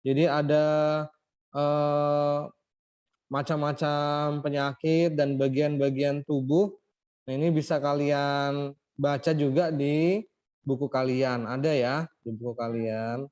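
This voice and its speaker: Slow, patient man teaching over a call. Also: fairly high pitch, little pitch movement, darkish tone, smooth. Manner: patient, explains slowly, keeps checking with the class. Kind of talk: online English lesson for children. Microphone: video call. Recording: dull lo-fi video call audio.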